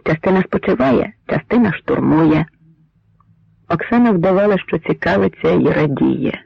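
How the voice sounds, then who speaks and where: A man narrating a dramatic historical story in a measured storytelling manner, on a dry, slightly muffled recording. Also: fairly high pitch, vocal fry, slightly rough, dry recording. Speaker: audiobook narrator.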